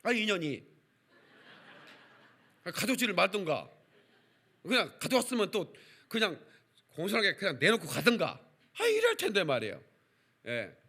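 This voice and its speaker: A male pastor preaching at a church service, his pitch rising and dropping widely as he tells a story. His voice sits high and bright for a man. He keeps the congregation engaged with calls for responses. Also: moderate pace, pauses often. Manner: animated, calls for congregation responses, acts out quotes. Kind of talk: lively revival sermon with storytelling.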